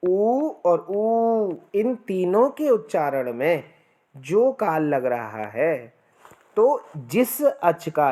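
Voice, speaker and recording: Slow, deliberate male Sanskrit grammar teacher. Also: on the high side, a little mellow. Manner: slow explanatory delivery with frequent "है ना" and "ठीक है" check-ins; drawn-out chanting of sutras and vowel lengths. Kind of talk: spoken classroom lecture.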